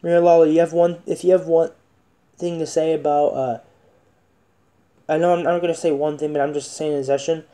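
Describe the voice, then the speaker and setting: A man hosting a spirit box session, asking questions in a halting, repetitive, insistent and casual way. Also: on the high side, little pitch movement, dark tone. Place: indoor room with wooden floor.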